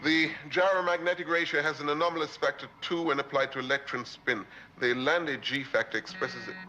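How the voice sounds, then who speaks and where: An actor playing a precise, dutiful computer officer on a moon base in a 1970s science fiction television drama. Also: male voice, on the high side, brisk, highs cut off, background noise, natural voice. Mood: concerned, precise. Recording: dramatic score behind dialogue.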